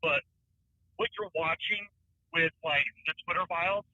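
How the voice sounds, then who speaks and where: A man's voice: fairly high pitch, normal speed, bright, forceful tone, no echo. A male caller heard over a phone line, rambling with lots of "like" fillers. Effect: heard through a phone line on the show's speaker. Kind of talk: call-in phone commentary. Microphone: Bluetooth phone headset. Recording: tinny dry phone line.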